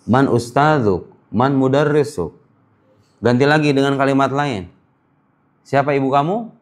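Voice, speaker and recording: A man teaching a language class, repeating phrases slowly for students to copy and dropping playful asides. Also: medium pitch. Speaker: Arabic teacher.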